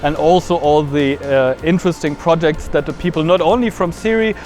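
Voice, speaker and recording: A woman representing a company, speaking in a halting, gracious way outdoors. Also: deep voice, a little mellow, soft background music. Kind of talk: interview testimonial.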